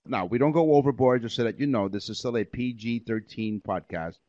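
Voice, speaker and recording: A man's voice: medium pitch, a little fast, a little mellow, no echo. A man hosting a comedy podcast, reading out odd facts with dry humor. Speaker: podcast host. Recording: dull lo-fi podcast audio.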